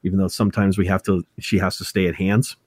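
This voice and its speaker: His voice is low, with little pitch movement, heard in a dry, clean studio recording. A Montana man in his thirties, he co-hosts a casual podcast chat, speaking haltingly and repeatedly restarting or correcting himself.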